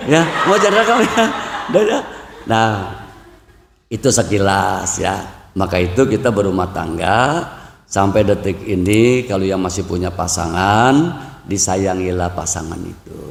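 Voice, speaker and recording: Joking Betawi preacher in an echoey hall. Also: male voice, sits low, gravelly. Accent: Jakarta Betawi. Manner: joking and bantering with the audience; acts out dialogue with his wife. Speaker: Buddhist preacher. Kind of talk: humorous dharma talk. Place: temple hall. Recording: echoey hall, long reverb.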